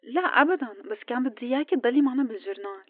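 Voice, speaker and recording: Over a tinny phone filter, a caring young Levantine friend in a radio play. She speaks quickly and rather high. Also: expressive, no echo. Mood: wistful. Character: caring, affectionate young woman, a loyal friend. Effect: telephone filter. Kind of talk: radio drama acting. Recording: thin phone-line sound.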